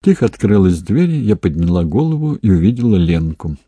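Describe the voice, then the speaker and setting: A man reading a novel aloud as narrator, calm and measured. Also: sits low, breathy edge, no room sound. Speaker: audiobook narrator. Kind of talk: scripted narration.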